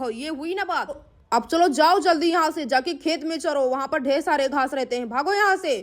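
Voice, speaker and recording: A woman's voice: sits high, moderate pace, close to an everyday voice. A woman voicing a grumpy, bossy village uncle in a doll story, grumbling and scolding. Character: gruff grumpy middle-aged village uncle.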